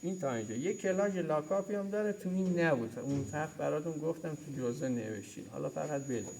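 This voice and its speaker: Workshop instructor, man, slightly high voice, shop noise behind him, repeats terms as he points at parts. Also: animated, gravelly. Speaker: mechanics instructor. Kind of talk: hands-on workshop lesson. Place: auto repair workshop.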